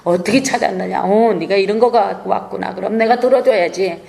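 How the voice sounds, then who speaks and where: A woman pastor voicing the Lord gently answering a pleading believer, within a sermon. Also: mid-range voice, fairly quick, vocal fry, a little hiss or hum. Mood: comforting. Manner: soothing, reassuring.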